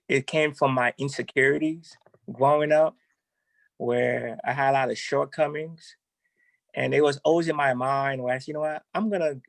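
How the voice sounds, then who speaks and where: A man's voice: mid-range voice, no room sound, poor audio. A man from Haiti, an educator being interviewed, who talks hesitantly with many ums.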